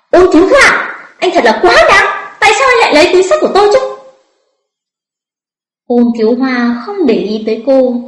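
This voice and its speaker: Woman audiobook narrator, expressive, fairly high voice, echoey room.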